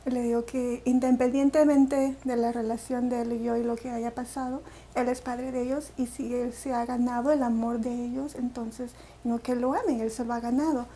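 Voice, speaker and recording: This is a Salvadoran woman giving an interview about her own life, with a Salvadoran Spanish accent. Her voice sits high but has a soft, mellow warmth. She speaks reflectively, filling pauses and restarting her sentences. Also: level tone, a little hiss or hum. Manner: reflective, with many fillers and restarts. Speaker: interview guest. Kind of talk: personal story in an interview.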